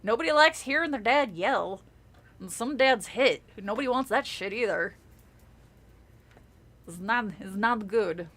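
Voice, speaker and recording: A young woman streams herself reading a children's horror book aloud, giggly and chatty between passages, her voice a bit groggy from talking all day. It's a little high and a bit bright, with lively intonation, a slightly slow pace and long pauses.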